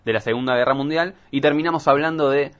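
A man's voice: medium pitch, quick pace, dull audio. A man, hosting a conversational interview on the radio.

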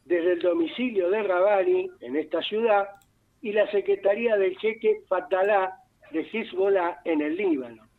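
A man with an Argentine accent, a radio columnist reading a formal, dense prepared column in a measured way. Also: sits high. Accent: Argentine Spanish. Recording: tinny phone line.

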